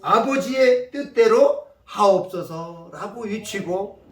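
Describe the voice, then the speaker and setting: Jesus crying out in anguish, as a preacher puts him on, his voice high and drawn out. It echoes through a church, heard from a distance. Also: animated, slow pace.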